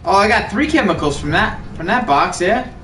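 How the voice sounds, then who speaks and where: Joking New gamer, roomy sound. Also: male voice, sits high, lively intonation, moderate pace, sharp tone. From New York. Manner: joking, playful, narrates what he finds. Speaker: gaming host. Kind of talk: casual gameplay commentary. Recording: echoey room, mic at a distance, faint noise.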